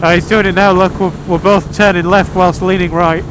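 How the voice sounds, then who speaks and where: A high-pitched, level voice, a little fast: an English man vlogging from his motorbike, chatting through a helmet intercom microphone. Mostly on the road outdoors, he jokes dryly and rambles slightly, with loud wind, engine and road noise behind him.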